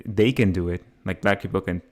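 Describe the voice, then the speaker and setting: A young man hosts a casual podcast, talking in a low, fairly level voice. He speaks loosely, often restarting his sentences as he thinks aloud. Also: a little fast. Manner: relaxed, hesitant, many restarts. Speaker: podcast host. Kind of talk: casual conversation.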